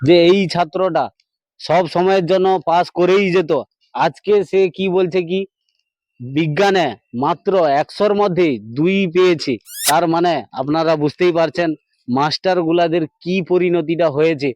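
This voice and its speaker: A man playing a parody news anchor, an excitable, mock-earnest TV reporter, wordy and repetitive. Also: a little high, normal speed, dry recording, lo-fi sound, close to an everyday voice. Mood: mock-grave. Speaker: host of a parody news show. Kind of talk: parody news anchor, live street interview.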